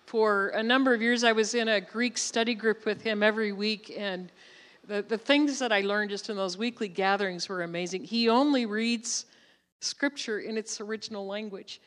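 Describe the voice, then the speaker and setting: A woman with a fairly high voice tells a story to introduce a guest speaker, shifting into animated voices when she quotes people. Her voice rings out with the long reverb of a large hall. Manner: warm anecdotal, animated when quoting. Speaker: church leader introducing a speaker.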